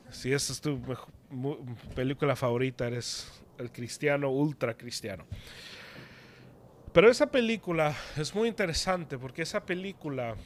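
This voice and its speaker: A man's voice: mid-range voice, slight background noise. A man preaching a sermon in an earnest, conversational way.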